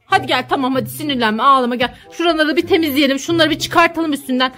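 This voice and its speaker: A woman's voice: sits high, fast, sharp tone, faint music behind. A young mother scolding one daughter and soothing the other in a family vlog. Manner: scolding and pleading, switching to soothing. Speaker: mother filming her daughters.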